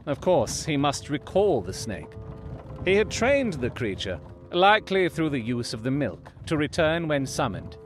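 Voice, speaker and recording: A male actor with a mid-range voice plays a brilliant Victorian detective in an audio drama. He sounds coolly analytical, and his delivery is precise, formal and theatrical, though only lightly acted.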